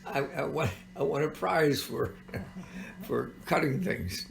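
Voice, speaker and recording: An elderly man with a gravelly grandpa voice, telling childhood stories informally in a halting, rambling way with frequent pauses. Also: fairly high pitch. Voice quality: gravelly, creaky. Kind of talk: informal oral storytelling.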